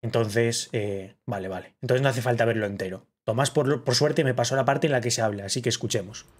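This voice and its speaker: A man reacting to a livestream clip in casual commentary, excitable and repetitive, often bursting into mock-awed shouts. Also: medium pitch, fairly quick, slightly rough. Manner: excitable, shouts in mock awe, repeats himself.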